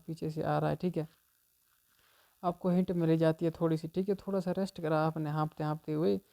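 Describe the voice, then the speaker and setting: A man's voice: on the high side, vocal fry, dark tone. A man teaching memory tricks for exam prep in a chatty, informal way, tacking "theek hai" onto almost every line. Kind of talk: explaining memory tricks to students.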